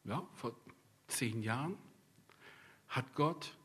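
A middle-aged pastor from East Westphalia delivers a sermon in a husky, breathy voice at a middling pitch. He talks to the congregation like a friend, drifting into personal anecdotes and wry jokes. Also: expressive, drawn-out words, bright, forceful tone. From East Westphalia, Germany. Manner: personal storytelling with humorous asides; conversational, addresses the congregation directly.

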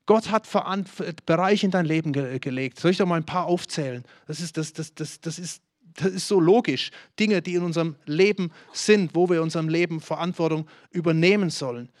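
A man's voice: on the high side, a little fast, no echo, studio quality. A man preaching a sermon with urgency, challenging listeners directly and acting out the voices of their excuses.

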